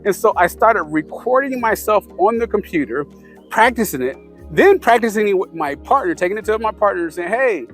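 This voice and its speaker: High-voiced man rambling casually. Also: lively intonation, fairly quick, soft background music. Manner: rambling, many "you know" fillers and restarts. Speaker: vlogger sharing language-learning tips. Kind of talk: casual talk to camera.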